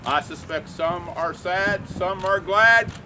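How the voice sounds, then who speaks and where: A man acting as a ceremony official, making a measured, formal announcement in a ceremonial manner. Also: high voice. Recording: distant outdoor mic, loud street noise.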